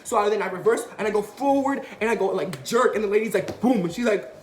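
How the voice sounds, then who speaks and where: A man's voice: sits high, fast talker, roomy sound, a little hiss or hum. A young man vlogger telling a story casually, acting out the quotes with energy. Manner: animated, acts out quotes.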